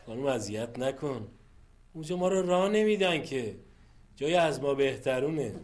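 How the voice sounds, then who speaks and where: A man's voice: mid-range voice, expressive, darkish tone, natural voice. A man playing a skeptical, blunt office colleague in a TV drama. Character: wary male colleague, proud of his reputation. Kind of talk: TV drama acting.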